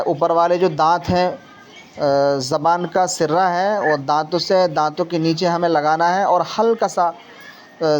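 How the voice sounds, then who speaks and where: A man teaching Quran reading in a tajweed lesson. He explains slowly, keeps tagging his sentences with a little "na", and says each letter sound over and over for the learner. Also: fairly high pitch, slight background noise. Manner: leans on the filler tag "na" while explaining.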